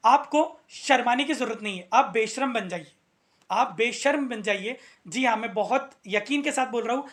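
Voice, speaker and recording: A man's voice: very high voice, fairly bright tone. A male English teacher giving a motivational video lesson, earnest, repeating his key points and asking rhetorical questions.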